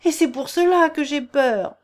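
A woman reading aloud and voicing a gentle, frightened young peasant woman in a high, pleading voice. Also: unhurried. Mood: terrified pleading. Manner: pleading, breathless, high-pitched.

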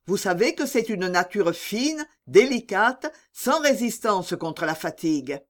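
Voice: mid-range voice, big pitch swings, unhurried. A reader voicing an indignant male doctor who pleads passionately with a mother, in an audiobook reading. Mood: pleading. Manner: impassioned, pleading.

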